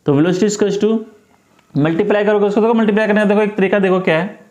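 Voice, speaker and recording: Male tutor, high-pitched, patient step-by-step explainer, echoey room. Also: fairly even intonation, quick pace, darkish tone. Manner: repetitive, coaxing, talks through each step. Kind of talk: step-by-step math lesson.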